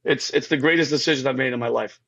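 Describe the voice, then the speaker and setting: A man's voice: medium pitch, fast talker, vocal fry, a bit bright, muffled recording. A man giving an emotional faith testimony as a podcast guest, rambling and repeating himself, often calling the host by name.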